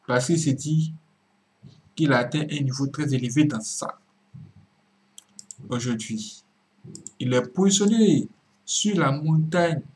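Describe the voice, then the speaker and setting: A man preaching in a video commentary, swinging from emphatic cries down to low murmured asides and repeating words for emphasis. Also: darkish tone. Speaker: religious commentator.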